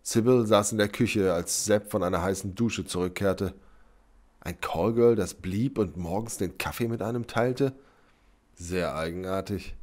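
A man narrating a story in a calm, even reading voice. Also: lowish voice. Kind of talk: scripted narration.

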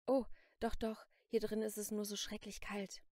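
A woman's voice: mid-range voice, level tone, moderate pace, warm tone, dry recording, clean studio sound, close to an everyday voice. A woman reading an audiobook, voicing a desperate armed teenage girl who speaks in tense, clipped commands. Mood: urgent.

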